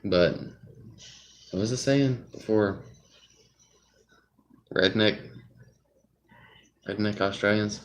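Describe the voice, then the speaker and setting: A young man with a Southern US drawl chats on a livestream. His voice sits very low and he talks at an unhurried, slow pace. He rambles and drifts easily off topic. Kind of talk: casual live-stream chat.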